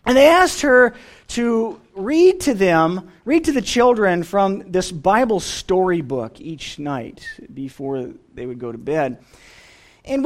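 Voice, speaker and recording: Animated preacher with lively pitch. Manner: expressive, trailing off softly at phrase ends. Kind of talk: sermon.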